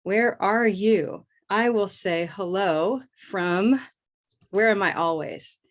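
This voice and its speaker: Upbeat middle-aged American woman, online pronunciation teacher, slow repetitive drilling. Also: medium pitch. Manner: upbeat, drills words by repeating them slowly. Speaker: host and English pronunciation teacher. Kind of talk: live online pronunciation lesson.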